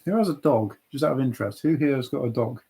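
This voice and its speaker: A man's voice: mid-range voice, fast talker, creaky, dark tone, husky. A man co-hosting a livestream in casual chat, jokey and full of playful banter. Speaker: livestream co-host.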